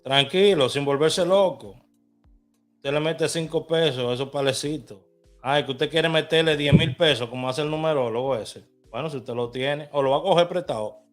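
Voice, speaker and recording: A man's voice: fairly high pitch, moderate pace, faint music behind. A man in a casual vlog, chatting to viewers as he walks through placing lottery bets on his phone, from inside a car. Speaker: vlogger. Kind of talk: casual screen walkthrough.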